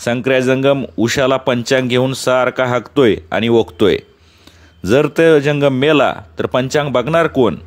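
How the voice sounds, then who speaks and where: A man's voice: mid-range voice, unhurried, natural voice. A man voicing a quarrelsome, superstitious old village man in rustic dialect. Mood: argumentative. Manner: rustic, argumentative dialect speech.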